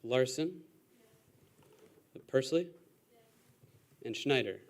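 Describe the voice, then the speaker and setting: Brief: young male student senate chair, brisk procedural delivery, mid pitch. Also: expressive. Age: young adult. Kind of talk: parliamentary procedure.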